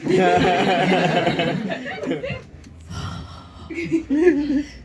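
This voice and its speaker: A stand-up comedian, joking playfully with the crowd on a handheld mic in a small venue, often laughing and mocking other voices. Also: female voice, mid-range voice, wildly swooping pitch, very slow. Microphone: handheld microphone. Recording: echoey room, far from camera, noisy.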